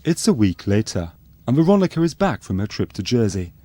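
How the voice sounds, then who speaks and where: In a low, mellow voice with lively intonation, a man narrates a spoof documentary, keeping it earnest and scripted in the style of docu-soap narration. He speaks fairly quickly, and there's no echo.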